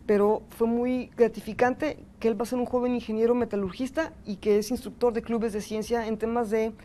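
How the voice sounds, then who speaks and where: A woman's voice: fairly high pitch, mellow, a little hiss or hum. A woman with a Mexican accent giving a university lecture and thanking participants earnestly. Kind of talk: university lecture with audience feedback.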